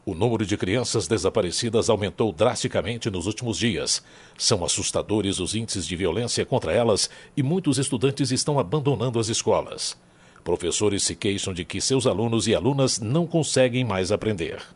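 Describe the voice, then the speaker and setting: A man acting as a grave news anchor, reading a formal bulletin in a husky voice. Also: fairly low pitch, a little fast. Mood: serious.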